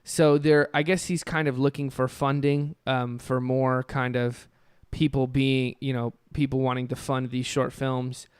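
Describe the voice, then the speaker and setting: A man's voice: medium pitch, little pitch movement, a little slow, clean tone, no room sound, studio quality. A young man co-hosting a podcast, chatting casually and rambling with enthusiasm through lots of fillers. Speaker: podcast co-host. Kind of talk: casual chat.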